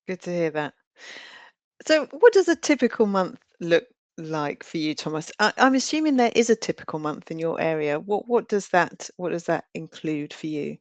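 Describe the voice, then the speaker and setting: Woman host with a low, dry voice. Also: animated, normal speed, dry recording. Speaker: webinar host. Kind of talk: scripted introduction and interview questions.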